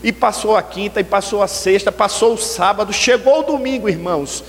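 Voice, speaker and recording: A man with a Brazilian accent preaching a sermon and telling a story in a lively way, often calling the listeners brethren. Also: sits high, fairly quick, in a large hall. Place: church sanctuary.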